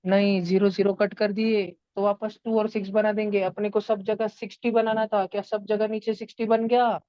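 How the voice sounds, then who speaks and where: A woman's voice: mid-range voice, flat delivery, normal speed, warm tone, clean tone, no room sound, dull audio. A woman teaching a math lesson to children in an online class, turning numbers into story characters and acting out their lines. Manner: playful, acts out number characters in voices.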